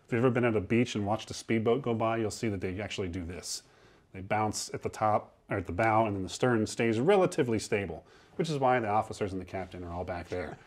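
A man's voice: fairly low pitch, fast talker, a little mellow. A man in his thirties guiding a tour below deck on a historic ship, explaining in a chatty way with a lapel mic. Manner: chatty, explanatory, acts out quoted sailors. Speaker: museum ship guide.

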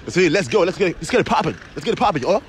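A young man from western Germany hosting a street comedy interview outdoors on a shopping street, talking into a handheld mic in an energetic, rambling way full of slang and English phrases. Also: high voice, racing, a little hiss or hum. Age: young adult. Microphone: handheld microphone.

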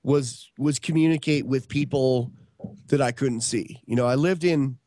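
Mellow and medium-pitched, this man speaks at a measured pace in a studio-quality recording with no echo. A podcast guest in his fifties from upstate New York, he tells rambling, casual stories on a video call, full of restarts and fillers.

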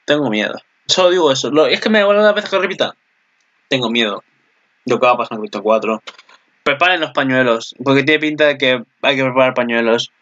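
Excitable young man with a Spanish accent. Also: medium pitch, quick pace, lo-fi sound. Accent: Spain. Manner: excitable, swears often, laughs at himself. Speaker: anime commentator. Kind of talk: casual reaction commentary.

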